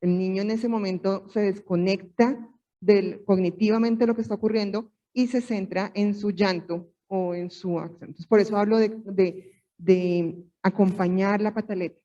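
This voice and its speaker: A woman's voice: mid-range voice, fairly even intonation, normal speed, warm tone, recorded from a distance, muffled recording. A woman in her forties, a parenting panelist, explaining earnestly and asking rhetorical questions.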